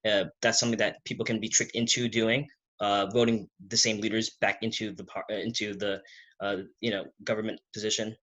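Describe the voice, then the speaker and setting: Male interviewer with a sharp, bright tone and a lowish pitch, halting and repetitive in his phrasing. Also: level tone, muffled recording. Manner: halting, restarts questions, repeats words. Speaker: interview host. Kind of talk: casual interview questions.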